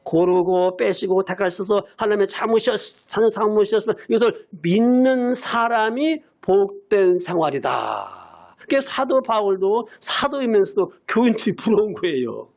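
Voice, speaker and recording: A man in his eighties preaching a sermon as senior pastor. He repeats his key phrases for emphasis and sometimes breaks into shouts. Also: high voice, lively intonation, unhurried, gravelly. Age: 80s.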